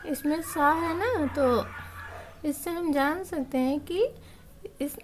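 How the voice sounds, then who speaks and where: A woman's voice: sits high, darkish tone, slight background noise. A woman teaching a grammar lesson, explaining patiently and repeating each point step by step.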